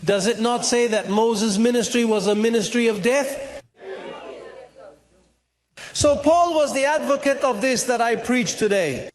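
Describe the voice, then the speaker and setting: A man's voice: extremely high pitch, unhurried, long pauses. A man preaching a sermon at a church conference, emphatic and full of rhetorical questions.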